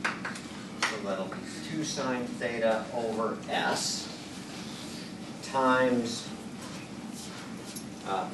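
Distant older man lecturing, thinking out loud. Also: mid-range voice. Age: 60s. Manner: thinking out loud, hesitant self-correcting while writing. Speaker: engineering lecturer. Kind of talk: chalkboard lecture, working through equations. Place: classroom at a chalkboard. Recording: roomy classroom, distant mic, background noise.

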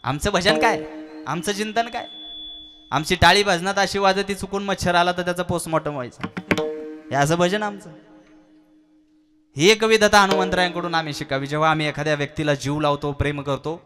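A male preacher tells a devotional story in a fairly high voice. He keeps turning to his listeners with rhetorical questions. Faint music sits behind him. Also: fairly quick, long pauses. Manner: lively, asks the audience rhetorical questions. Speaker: kirtan preacher.

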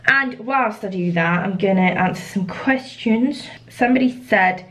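A woman's voice: mid-range voice, a little slow. A woman, chatting casually at home while doing her makeup, with lots of fillers. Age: 20s. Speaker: vlogger. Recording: roomy sound from a distant mic.

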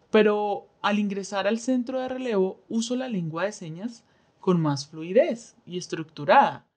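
A woman interpreting a signed interview aloud in the first person, with a measured, steady delivery and pauses. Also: medium pitch. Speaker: sign language voice interpreter.

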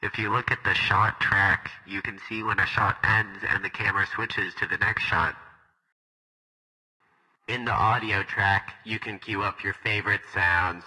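A man's voice: lowish voice, level tone, unhurried, sharp tone, exaggerated voice, poor audio. A man voicing a boastful, cheerful male robot guide with a robotic voice effect, in a grandiose announcer style. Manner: grandiose, self-praising announcer delivery. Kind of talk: scripted demo narration.

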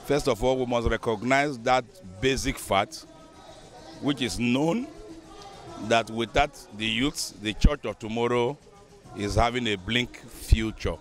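A man's voice: mid-range voice, unhurried. A Nigerian man in his fifties, a bishop, speaking earnestly and measuredly in an outdoor news interview into a handheld microphone. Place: outdoors beside a building.

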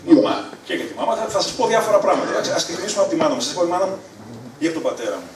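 A middle-aged man from Thessaloniki, Greece, tells family stories to a live audience, animated and springing up into excited high notes at the punchlines. His fairly high voice rings through an echoey room. The mic sits some way off, with faint noise behind him. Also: distant mic, crowd noise. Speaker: stand-up storyteller. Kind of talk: live stand-up storytelling. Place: live venue on stage.

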